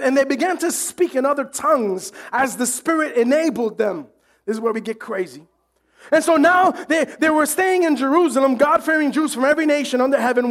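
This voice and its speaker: Preaching with lively energy, this pastor cracks jokes and mimics what the crowd might say. His male voice sits very high in pitch.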